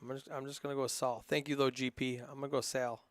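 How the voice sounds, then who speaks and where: A man's voice: mid-range voice, little pitch movement, fast talker, dry recording. A man with a northern Minnesota accent giving casual, rambling play-by-play commentary on a live poker stream, with plenty of ums and uhs. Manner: casual, chatty, rambling with frequent fillers.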